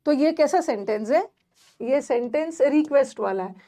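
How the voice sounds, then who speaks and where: A young woman teaches an online English grammar class in a high voice with lively intonation, normal speed, and a dark tone. She chats directly with her students, using lots of fillers and restarting her sentences often.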